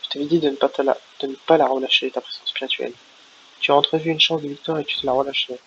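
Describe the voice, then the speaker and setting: A man's voice: mid-range voice, fairly even intonation, quick pace, sharp tone. A man voicing a battle-hungry, mocking warrior captain, reading game dialogue aloud with a taunting edge, on a lo-fi recording. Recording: lo-fi with faint hiss.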